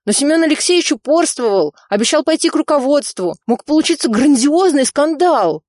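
A woman doing a shrill, panicky male official. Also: animated, brisk, darkish tone, dry recording, clean studio sound. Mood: panicked. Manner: shrill, frantic.

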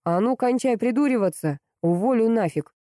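A woman reading an audiobook, voicing an angry, gruff rich man who growls orders. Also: a little high, expressive, moderate pace, dark tone, no room sound, studio quality, voice pushed up, close to an everyday voice. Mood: furious. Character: angry blunt rich man, domineering boss.

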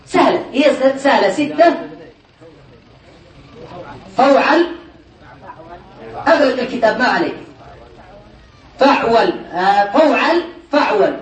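A high-voiced man teaches Arabic morphology in a classroom lecture, animated yet unhurried, with long pauses. He drills the class through repeated questions. The recording is echoey and distant, with students murmuring in the background.

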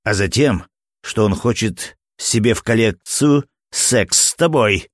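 Man doing an exasperated doctor, low voice, dry close read. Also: slow, dry recording.

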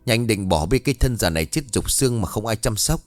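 A man's voice: on the low side, animated, quick pace, dry recording, faint music behind, lightly acted. A man doing a spiteful scolding old mother-in-law. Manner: harsh, shouting, hissing insults.

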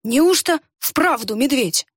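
A woman's voice: high voice, animated, fast talker, no room sound, clean studio sound, pitched above the performer's own voice. Woman doing a jovial folksy male guard. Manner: folksy, exclaiming.

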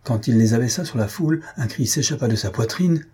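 Dark, husky male audiobook narrator. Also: mid-range voice, lively intonation. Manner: measured dramatic reading, lifting his voice for characters' shouts. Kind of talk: scripted audiobook reading.

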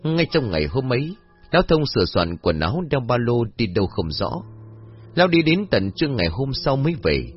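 A man narrating a scripted horror story in a dramatic, expressive way. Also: mid-range voice, brisk. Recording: dull lo-fi audio with faint music.

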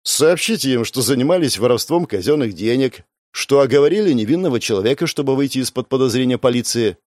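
A man's voice: medium pitch, expressive, fast, a little mellow, no echo, clean studio sound, close to an everyday voice. A man voicing a cool, ruthless woman first mate who addresses a crowd firmly. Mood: commanding.

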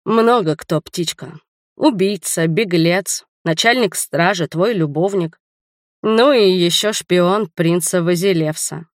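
A woman voicing a drowsy, teasing young male spy in an audiobook, speaking low-key and unhurried. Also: dry recording, studio quality. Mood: quiet.

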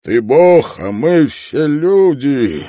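A man reading an audiobook, voicing an older male preacher who prays in a slow, solemn, fervent voice. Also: fairly high pitch, big pitch swings, mellow, dry recording, clean studio sound, voice pushed up, full character voice.

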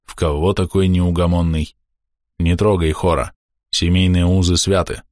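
Man voicing a gruff peasant dad, low voice, mild, dry close sound. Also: flat delivery, normal speed, darkish tone, no room sound, lightly acted. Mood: weary. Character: burly curly-haired peasant father, gruff but kind.

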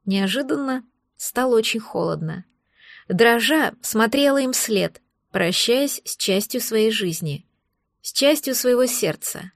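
A woman's voice: on the high side, lively intonation, measured pace, gravelly, no room sound, clean studio sound. A woman reading a first-person fantasy audiobook with emotive storytelling. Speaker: audiobook narrator.

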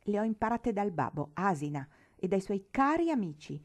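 Woman doing a rowdy tomboy teen girl from a storybook, loud and pushy, voice pitched up a bit. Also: very animated, normal speed. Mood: defiant. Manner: loud, blustering, interrupting. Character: brash horse-mad teenage girl, loud and coarse. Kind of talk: audiobook reading.

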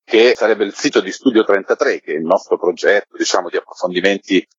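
Talking fast in a low, slightly rough voice, a man who curates podcasts answers interview questions at length, explaining things in a conversational way. The recording sounds roomy and muffled, like a lo-fi line.

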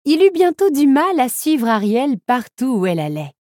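A woman narrating a children's storybook with an expressive, lively reading. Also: high voice, moderate pace, no echo, clean studio sound.

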